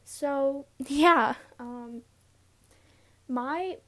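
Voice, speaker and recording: A young woman speaking casually and confessionally as a podcast host, halting and giggly with nerves, recorded sitting in a closet. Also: sits high. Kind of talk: casual confessional solo talk. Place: inside a closet, sitting on a pillow.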